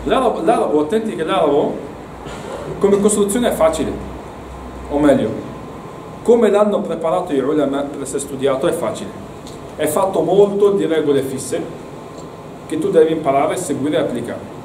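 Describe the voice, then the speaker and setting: A man's voice: a little high, animated, moderate pace, pauses often, background noise. A man teaching an Arabic class to students, encouraging and repeating words, recorded from across an echoey classroom. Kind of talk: classroom lesson. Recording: echoey room, mic far off.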